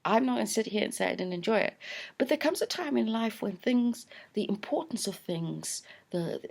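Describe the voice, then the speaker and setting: Gravelly-voiced woman in her fifties. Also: fairly low pitch. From London. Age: 50s. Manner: hesitant, reflective, many fillers and restarts. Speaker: channel owner. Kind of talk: casual talking-head vlog. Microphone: close camera framed on mouth.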